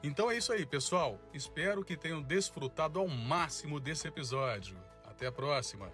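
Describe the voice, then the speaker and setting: Brazilian man, podcast host, casual sign-off style, slightly high pitch, light music behind. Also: animated, a little fast, a bit bright. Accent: Brazilian Portuguese.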